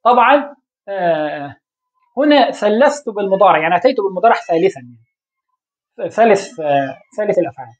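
A woman teaching a grammar lesson, explaining step by step and posing questions to her students. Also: a little high. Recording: dull lo-fi recording.

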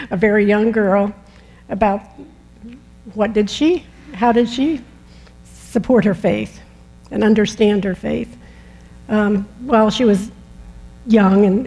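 A woman's voice: medium pitch, a little mellow, low-quality recording. A woman welcoming a chapel congregation and giving announcements in a friendly, chatty way, with light laughs and fillers. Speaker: lay leader giving announcements. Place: chapel sanctuary.

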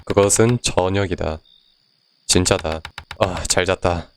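Guy playing a game and talking the whole way, kinda low voice, reads the text out, yells and swears now and then. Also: fairly even intonation, takes it slowly, a little hiss or hum. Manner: reads game text aloud and translates it, chatty, swears and shouts. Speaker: game streamer. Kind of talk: casual let's-play commentary.

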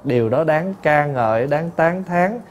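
A male Buddhist monk, giving a lively, chatty dharma talk told through stories. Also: a little high, measured pace.

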